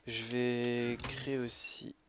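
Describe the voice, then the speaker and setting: A man's voice: medium pitch, little pitch movement, slow pace, noisy background. A man casually commentating his own gameplay, often muttering and half-whispering to himself. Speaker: let's play gamer.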